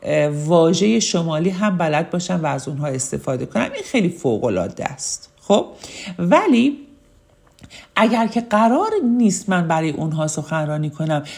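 A woman gives a public speaking lesson to her online students. Her voice is fairly low and has a gravelly edge. She talks in a friendly, chatty way, with fillers along the way. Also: sing-song, darkish tone. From Ramsar, Iran.

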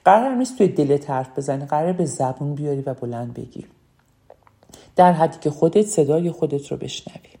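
A woman's voice: low voice, expressive, warm tone. A woman giving a spoken lesson on public speaking, emphatic and repeating key phrases.

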